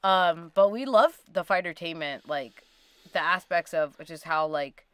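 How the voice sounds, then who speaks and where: A woman's voice: on the low side, unhurried, a bit bright, smooth, no room sound. A woman co-hosting a casual livestream chat, talking informally with lots of "like" as she reads out audience questions. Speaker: co-host reading audience questions.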